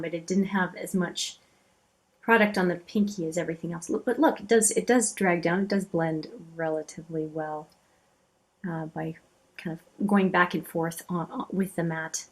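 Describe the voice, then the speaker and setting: A woman hosting a beauty channel, talking casually as she swatches eyeshadows, chatty and admiring, often trailing off into quiet asides. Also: fairly low pitch, fairly even intonation, normal speed.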